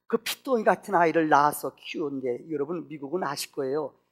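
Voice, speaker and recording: Raspy, dramatic storytelling preacher. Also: mid-range voice. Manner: dramatic, swinging between hushed and shouted. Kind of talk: sermon storytelling.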